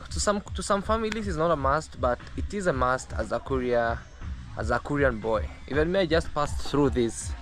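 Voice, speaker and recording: A young Kenyan man vlogs casually from the garden of his rural home, his medium-pitched voice expressive and his pace moderate. He sounds hesitant, with plenty of fillers and restarts, while music plays in the distance.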